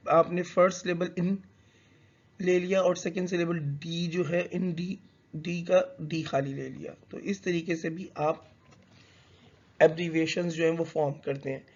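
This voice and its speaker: Man, lecture-style teacher, pitch a touch high, dull lo-fi recording, stops to correct himself. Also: fairly even intonation, a little mellow. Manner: reads English slowly, then explains in conversational Hindi mixed with English; hesitant, with fillers and self-corrections. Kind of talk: explanatory lecture.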